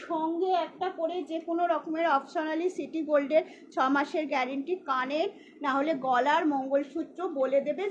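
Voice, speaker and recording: A woman selling clothes on a live stream, briskly repeating prices and a phone number. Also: extremely high pitch. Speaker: online clothing seller. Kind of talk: live-stream sales pitch. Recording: slightly dull, faint hiss.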